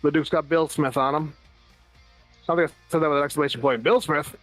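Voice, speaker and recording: An American man calls an amateur floor hockey game play by play, rattling off passes and shots with the odd dry joke. His voice sits a little high for a man. Faint music plays underneath. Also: fairly even intonation, fairly bright tone, no room sound. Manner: rapid running call of plays with dry asides. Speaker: play-by-play commentator. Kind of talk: amateur live sports commentary.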